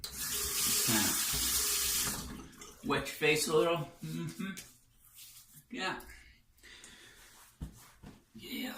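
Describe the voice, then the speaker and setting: A man's voice: medium pitch, fairly bright tone, slight background noise. A man casually demonstrating his shave at home in his bathroom, joking and thinking aloud as he works. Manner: joking, rambling, thinks aloud while working. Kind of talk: casual how-to chat. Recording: echoey bathroom, far from mic, faint music.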